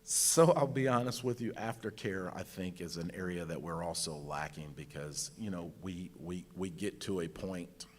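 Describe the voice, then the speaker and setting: A man's voice: low-pitched, moderate pace, hardly any pauses. A man speaking as a panelist at a public discussion. He talks in an earnest way, often repeats words and ends points with "right?". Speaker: panelist sharing lived experience.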